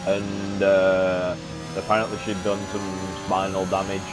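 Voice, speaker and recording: A man's voice: low-pitched, unhurried, music in the background, poor audio. A man chatting casually as a gaming streamer during a racing game, rambling with many filler sounds. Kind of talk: casual chat while playing a racing game. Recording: steady background noise.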